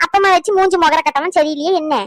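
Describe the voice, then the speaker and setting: A woman's voice: extremely high pitch, quick pace, dry recording. A woman voicing a fussy, scolding older grandmother in a cartoon. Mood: complaining. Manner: nagging, scolding. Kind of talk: cartoon voice acting.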